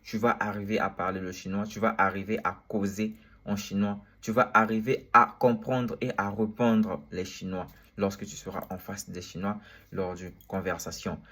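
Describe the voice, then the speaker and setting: A man's voice: fairly low pitch, flat delivery, moderate pace, sharp tone. A man giving an informal lesson, speaking directly to the viewer, repeating points over and over and mixing in short English phrases. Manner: repetitive, addresses viewer as tu, demonstrates tones aloud. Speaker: Chinese language teacher.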